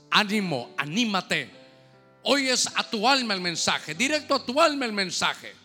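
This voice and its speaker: A man's voice: high voice, bright, forceful tone. A male pastor preaching a sermon, emphatic, repeating phrases and putting questions to the congregation. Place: church. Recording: echoey hall, faint music.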